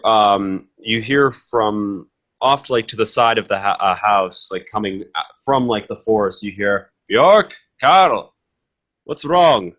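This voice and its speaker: Slow, halting male game master. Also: on the low side, fairly bright tone, dull audio. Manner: halting, searching for words. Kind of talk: improvised tabletop game narration.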